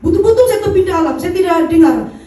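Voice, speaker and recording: A woman giving an earnest, halting personal testimony at a church service. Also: very high-pitched, expressive, warm tone. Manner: earnest, halting, with restarts and repeats. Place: church hall. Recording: very echoey hall, far from the mic.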